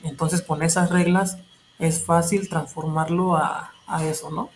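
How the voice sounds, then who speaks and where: A man's voice: fairly high pitch, steady tone, measured pace, vocal fry, slight background noise, poor audio. A male teacher explaining a grammar lesson step by step, patiently repeating points and checking in with short tag questions. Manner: patient, repetitive explanations with filler tags and self-corrections.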